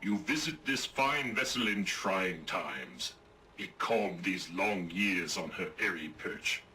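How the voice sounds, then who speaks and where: An actor playing a pompous, old-fashioned robot naval captain in a video game, with theatrical gentlemanly diction. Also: male voice, low-pitched, takes it slowly, slight background noise, exaggerated voice. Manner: grandiose, lively commanding delivery. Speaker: ship's captain.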